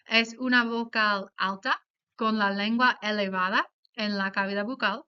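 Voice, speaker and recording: Slow, careful woman giving a lesson. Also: mid-range voice, steady tone, pushed and bright, smooth. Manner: careful, explanatory, pronounces example words slowly. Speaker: student presenter. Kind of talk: class presentation on pronunciation. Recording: dull lo-fi sound.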